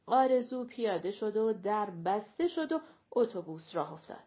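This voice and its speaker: A woman narrating an audiobook in a measured, expressive reading. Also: mid-range voice, dull audio.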